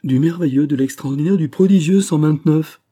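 A man voicing an effusive, flattering middle-aged male bank sub-director in an audiobook reading. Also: on the low side, normal speed, natural voice. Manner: gushing, emphatic, flattering.

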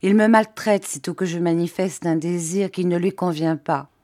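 A woman's voice: mid-range voice, lively intonation, measured pace, dark tone. A woman voicing a meek, frightened young wife who pleads and sobs in an audiobook reading. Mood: tearful. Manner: pleading, sobbing, helpless.

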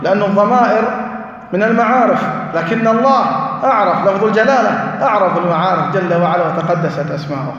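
Grammar teacher, male, high voice, asks the class questions and answers them, recorded from far off in an echoing hall. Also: fast, a bit bright. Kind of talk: classroom lesson. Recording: distant, echoey, dull hall recording.

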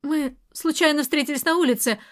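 A hurt, sullen young woman, read by a woman in an audiobook, complaining with a sense of grievance. The voice sits high. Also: brisk, natural voice. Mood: aggrieved. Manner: sullen, aggrieved. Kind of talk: audiobook character reading.

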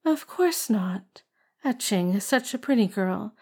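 A woman voicing a gentle, soft-spoken young man. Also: medium pitch, measured pace, breathy edge. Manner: soft, calm and soothing.

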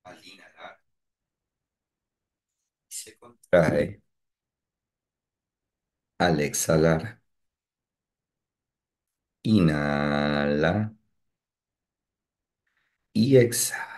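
Calm, short instructions punctuated by long pauses come from a man leading a guided meditation. His voice is a rumbling low.

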